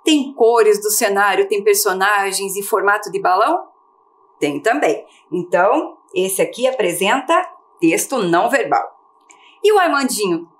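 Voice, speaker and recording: A woman's voice: mid-range voice, expressive, unhurried. A woman teaching a televised primary-school lesson in Brazilian Portuguese, patiently asking questions and answering them herself. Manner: patient, asks and answers her own questions.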